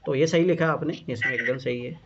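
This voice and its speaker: A man's voice: mid-range voice, a little fast. A man coaching students on answer writing, casual and encouraging, repeating his reminders. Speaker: exam coach reviewing answer copies. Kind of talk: informal coaching talk. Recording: muffled lo-fi sound with clear background noise.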